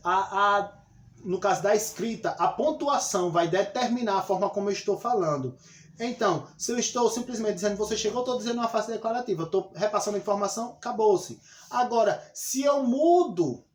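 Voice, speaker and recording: A man with a high-pitched voice and a Brazilian Portuguese accent gives a lesson. He explains patiently and keeps turning to his students to point things out. The sound rings around an echoey room. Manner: explanatory, addresses students directly with frequent "olha só". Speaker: teacher. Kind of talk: classroom lesson.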